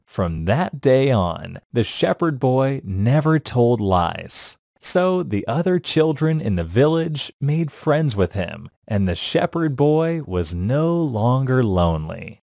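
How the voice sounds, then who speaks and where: A man tells a children's story slowly and deliberately. His pitch moves widely from line to line. The sound is dry and close. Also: big pitch swings, darkish tone, no room sound. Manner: clear, deliberate reading. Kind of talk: slow children's story narration.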